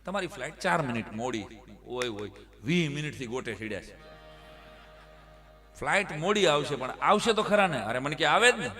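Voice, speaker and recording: A man telling comic stories live, acting out the people in his tales with sudden shouts and bits of broken English. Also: medium pitch, moderate pace, soft background music. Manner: animated, acts out characters with sudden loud shouts and broken English. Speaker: stand-up comic storyteller. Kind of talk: live folk comedy storytelling.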